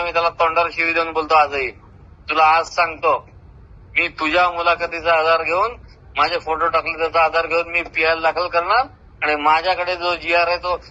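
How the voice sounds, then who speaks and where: Speaking in a fairly high, bright, forceful voice, an older retired government officer with a Marathi accent from Maharashtra holds forth boastfully and combatively. The recorded phone call is long, heated, and informal.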